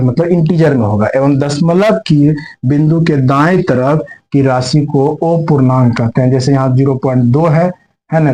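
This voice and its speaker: A man teaches a maths class at the board, posing questions and answering them himself while repeating and rephrasing each step and mixing in English terms. His voice is mid-range and warm, though the recording quality is low.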